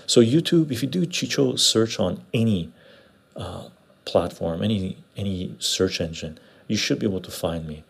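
A man with a gravelly, husky voice chatting casually as a livestream host, laid-back and repeating short phrases, recorded on a clip-on lapel mic. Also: low-pitched, moderate pace. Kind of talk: casual livestream chat, greeting viewers and reading comments. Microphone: clip-on lapel mic into external recorder.

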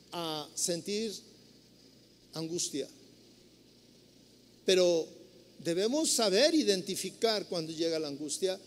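A man with a Mexican accent preaches in a high, light voice, talking his listeners through everyday scenes like a storyteller. His words ring out with a long reverb from a large church hall. It feels like a live Sunday sermon. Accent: Mexican Spanish. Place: church sanctuary.

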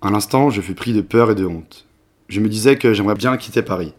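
A man in his late twenties, reading a novel aloud in a measured, expressive way. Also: on the low side. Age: 20s. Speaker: reader.

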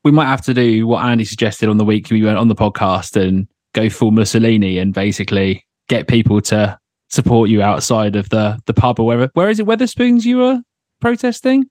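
A man's voice: on the low side, lively intonation, brisk, a little mellow, dry recording, clean studio sound. A man hosting a podcast in a casual, chatty style. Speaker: podcast host. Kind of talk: casual chat.

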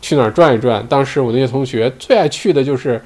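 A man hosts his own solo show, delivering a casual commentary monologue that rambles with plenty of fillers and tag questions. His mid-range voice moves at a quick pace and sounds slightly mellow.

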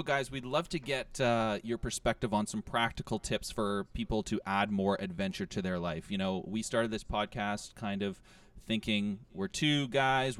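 A Canadian man co-hosting a podcast, upbeat, with quick asides. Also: lowish voice, clear, resonant tone. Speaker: podcast co-host. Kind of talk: casual chat. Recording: a bit distant from the mic.

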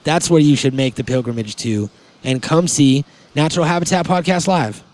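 A man's voice: on the high side, normal speed, darkish tone, no echo. A man hosting a podcast in casual chat, rambling and laid-back, with many "like"s and "um"s. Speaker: podcast host.

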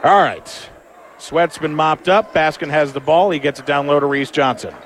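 A man's voice: a little high, normal speed. A man giving live play-by-play commentary on a basketball game. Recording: clear background noise of the game.

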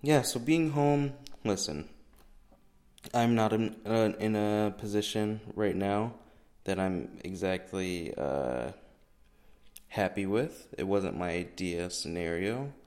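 A man's voice: lowish voice, slow pace, darkish tone. A young American man chatting casually and solo as a podcast host, rambling, self-deprecating and sweary, recorded in an echoey garage. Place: indoors in a garage. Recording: echoey garage room sound, breath pops.

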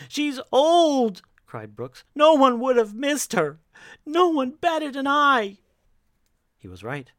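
Slow, hushed male horror narrator. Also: mid-range voice, no room sound, clean studio sound.

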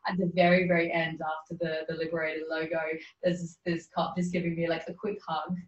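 Woman, podcast guest, casual storytelling, earnest, animated, lower voice, echoey room. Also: fairly quick, slight background noise. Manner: earnest, animated, laughs often. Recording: roomy, distant, dull sound.

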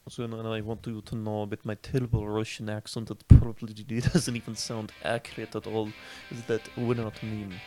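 A young man co-hosting a podcast in casual chat, joking, swearing and laughing, sometimes reading aloud a little haltingly. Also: lowish voice, little pitch movement, mellow, faint music behind. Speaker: podcast co-host.

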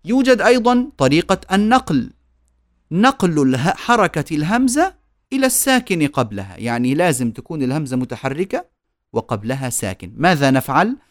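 Lively-voiced man teaching recitation. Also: on the high side, no room sound, studio quality. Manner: explains patiently, slows down to model sounds. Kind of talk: recorded online lecture.

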